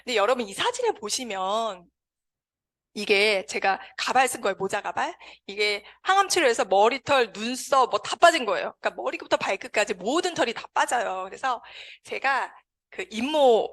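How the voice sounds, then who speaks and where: A woman giving an emotional personal testimony to an audience, telling her story with lively acted-out dialogue. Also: on the high side. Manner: animated storytelling that acts out quoted dialogue.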